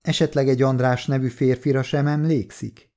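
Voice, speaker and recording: A man reading the lines of a courteous male police detective who asks gentle, persistent questions, in an audiobook. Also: medium pitch, level tone, lightly acted.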